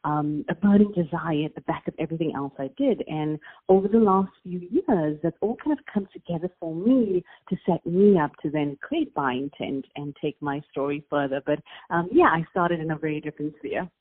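Over a tinny phone line, a woman with a South African accent speaks at normal speed in a low-pitched, slightly rough voice. She's a business founder from South Africa answering interview questions, earnest and reflective, using fillers and restarting sentences.

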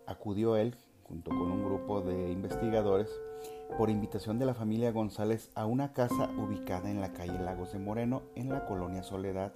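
A middle-aged Mexican man with a Mexican Spanish accent, hosting a podcast and telling a story in a measured, formal way with occasional hesitations. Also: fairly low pitch, fairly even intonation. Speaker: podcast host. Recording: loud music under the voice.

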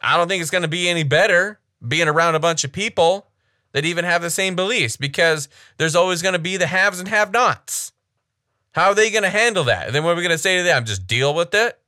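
A man's voice: sits high, lively intonation, brisk, sharp tone, no echo, clean studio sound. A man casually commenting on a sermon clip, blunt, frank and critical.

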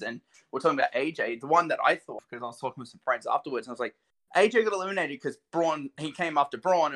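An excitable man co-hosts a casual podcast, laughing often. His voice sits a little high. He talks in an animated, loose way. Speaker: podcast co-host. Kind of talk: casual wrestling chat.

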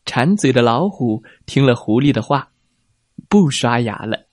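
A young adult man narrating a children's story in a gentle, clear way, speaking to children. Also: medium pitch, lively intonation, a little slow, no echo, studio quality.

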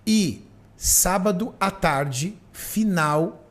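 A man's voice: high voice, animated, drawn-out words. A man hosting a podcast, steadily guiding the talk with questions. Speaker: podcast host.

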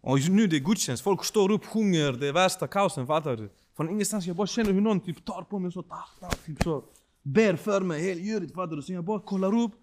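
A man telling a personal story in a casual podcast chat, slangy and animated, often checking that the listener follows. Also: high-pitched. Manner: slangy, animated, keeps asking if you follow. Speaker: podcast guest.

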